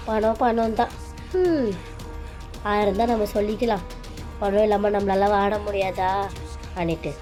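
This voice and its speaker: A woman's voice: mid-range voice, warm tone, close to an everyday voice. A woman doing a spiteful gossiping aunt. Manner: sneering, mocking gossip.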